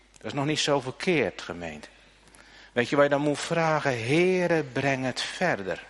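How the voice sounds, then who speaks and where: A middle-aged man preaching a sermon, earnest and emphatic, speaking directly to his congregation with repeated phrases and tag questions. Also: on the low side. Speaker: pastor.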